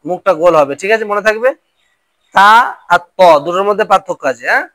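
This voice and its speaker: A man's voice: high voice, quick pace, fairly bright tone, no room sound. A male Quran reading teacher drilling Arabic letter sounds and quizzing pupils in a classroom lesson.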